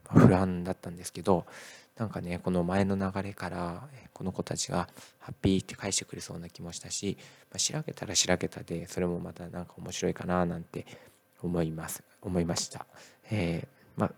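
A middle-aged male teacher talking casually in a podcast monologue, relaxed and full of "eh" fillers. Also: deep voice, fairly quick, creaky, husky.

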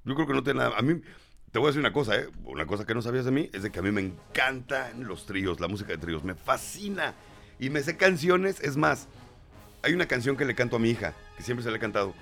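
A man's voice: mid-range voice, lively intonation, fast talker, gravelly, a bit bright, faint music behind. A middle-aged Mexican man hosting a casual radio chat, joking and reading listener messages aloud. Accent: Mexican Spanish. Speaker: radio host.

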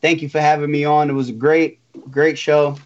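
A man's voice: a little high, flat delivery, normal speed, dull audio. A man appearing as a guest on a casual wrestling podcast, earnest and repeating words as he goes.

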